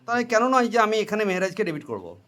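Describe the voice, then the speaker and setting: A man's voice: high-pitched, big pitch swings, fast, sharp tone. A man teaching accounting to a class, questioning students and having them repeat answers, with English and Hindi phrases mixed in. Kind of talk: classroom lecture with call-and-response.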